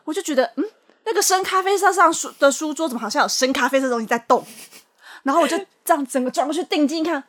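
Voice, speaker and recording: A woman's voice: high voice, fast, fairly bright tone. A young woman co-hosting a casual chat show, animatedly telling a personal story with dramatic squeals. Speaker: podcast co-host.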